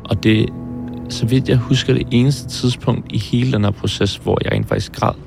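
A man in his twenties, speaking hesitantly and thoughtfully in an interview, often pausing and restarting. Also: medium pitch, steady tone, gravelly, over music. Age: 20s. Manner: hesitant, pauses and restarts, searching for words. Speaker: film director interviewed about his heart surgery. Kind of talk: reflective interview.

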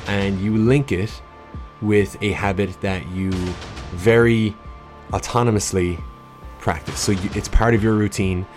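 A man's voice: on the low side, steady tone, measured pace, darkish tone, soft background music. A man hosting a podcast, talking informally and chattily straight to his listeners into a good podcast microphone, drifting into tangents. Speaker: podcast host, coach. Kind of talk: casual solo podcast talk with scripted opening. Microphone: studio podcast microphone.

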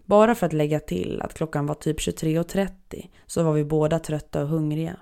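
A narrator reading listener-submitted horror stories aloud in a measured, even storytelling manner. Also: medium pitch, gravelly, clear, resonant tone. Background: faint background music.

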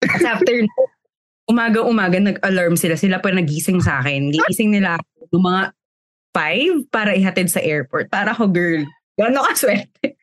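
A woman's voice: lowish voice, moderate pace, no room sound. A young woman co-hosting a podcast, telling a story in casual chat, mixing Tagalog and English and laughing as she goes. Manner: animated, laughs while telling stories, mixes Tagalog and English. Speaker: podcast co-host.

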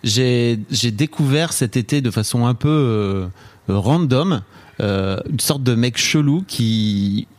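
A man co-hosting a podcast in loose, animated chat, cursing casually and tripping over his restarts. His mid-pitched voice sits dry and close to the mic. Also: slow, dry recording. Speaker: podcast co-host.

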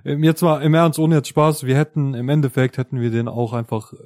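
Man co-host, mellow tone, chatty anecdotes, dry sound. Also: medium pitch, fairly even intonation, fairly quick, no room sound. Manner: chatty anecdote teller, keeps asking "weißt du?". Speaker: podcast co-host. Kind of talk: casual podcast chat.

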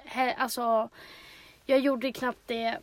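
A young woman from Sweden, co-hosting a podcast, speaking hesitantly and softly in casual chat. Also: on the high side, little pitch movement, no echo. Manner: hesitant, soft-spoken, lots of fillers. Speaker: podcast co-host.

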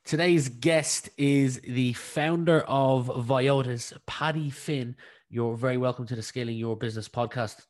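Man hosting, medium-pitched voice. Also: unhurried, a little mellow. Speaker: podcast host, interviewer. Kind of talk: conversational interviewing.

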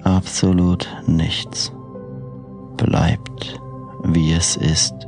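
A man narrating a sleep meditation like a bedtime storyteller, hushed and unhurried, with long pauses between short phrases. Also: deep voice, level tone, creaky, over music. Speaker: podcast host and meditation narrator.

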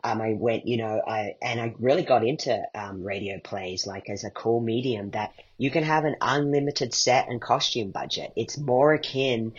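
A man, a playwright and podcast creator, speaks as an interview guest, reflecting thoughtfully and posing questions to himself. His mid-range voice has a breathy edge and runs at normal speed with hardly any pauses. The sound is dull, muffled and lo-fi.

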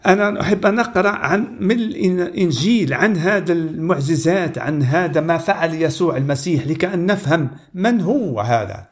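A male preacher reads scripture aloud, then steps back to comment on it. His voice sits a little high for a man, and he reads in a measured, deliberate way with steady pauses. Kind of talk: Bible reading with sermon commentary.

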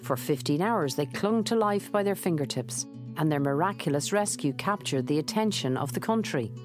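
A woman's voice: low-pitched, lively intonation, moderate pace, over music. An Irish-accented woman reading scripted narration for a documentary.

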